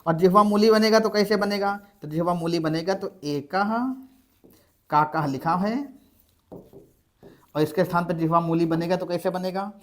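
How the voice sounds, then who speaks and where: Man teaching grammar step by step. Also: high voice. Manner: explains step by step, asking and answering his own questions; slows to spell out examples syllable by syllable. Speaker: Sanskrit teacher. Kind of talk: blackboard grammar lesson.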